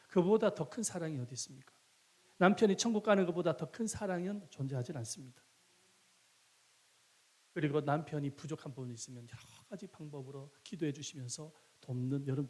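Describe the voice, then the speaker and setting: Pastor, man from Gyeongsang Province, slightly high voice, emphatic sermon delivery full of rhetorical questions. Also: a little mellow. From Gyeongsang Province, Korea. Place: church sanctuary.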